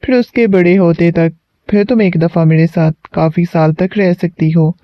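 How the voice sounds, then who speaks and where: A man reading the lines of a gentle, teasing young husband, on a dull lo-fi recording. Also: high-pitched, dry recording, lightly acted.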